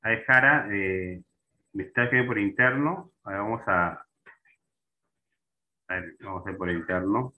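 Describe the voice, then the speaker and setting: A man's voice: lowish voice, normal speed, long pauses. Guy teaching class online, keeps asking students stuff, sounds like a phone line. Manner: checks in often with students, asking and prompting. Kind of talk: online class on Spanish accent marks. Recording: tinny phone-like online call audio.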